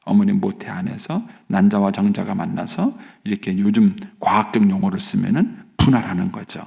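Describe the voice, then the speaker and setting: A man's voice: on the low side, normal speed, creaky, dark tone, long reverb tail. A man preaching an early morning sermon in a church as pastor, voicing pleading complaints to God as he explains the text.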